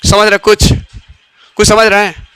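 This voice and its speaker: A man's voice: high-pitched, completely flat delivery, moderate pace, fairly bright tone, clear, resonant tone, dry recording. A man teaching biology in a classroom lecture, who keeps asking questions and answering them himself.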